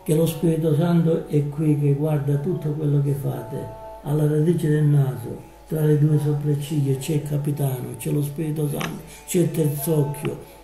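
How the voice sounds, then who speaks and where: A man preaching a live sermon, slow and emphatic, drawing out his words. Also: fairly high pitch, steady tone, vocal fry, dark tone, echoey room, faint music behind, low-quality recording.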